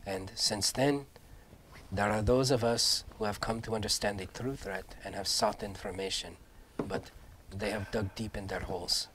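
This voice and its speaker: A man voicing a solemn, courteous knight in a tabletop game, speaking formally and gravely in measured phrases. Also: lowish voice, steady tone, a bit bright, slight background noise, voice pushed down, lightly acted. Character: solemn, courteous male knight bidding allies farewell. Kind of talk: tabletop game character acting.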